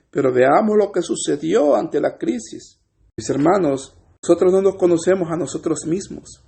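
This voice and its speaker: A man's voice: high-pitched, vocal fry, a little mellow. A man from El Salvador with a Salvadoran Spanish accent, preaching an earnest sermon and addressing his listeners as brothers.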